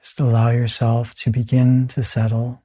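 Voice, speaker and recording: In a calm, soothing manner, a man guides a meditation, his soft, breathy voice sitting in the mid-range and pausing between phrases.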